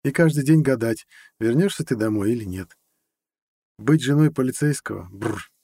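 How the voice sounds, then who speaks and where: A man reading an audiobook, voicing a playful, teasing young woman, the narrator's girlfriend, in a lighter, higher voice. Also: moderate pace, gravelly, warm tone, breathy edge, no room sound, studio quality. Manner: light, teasing, giggly speech.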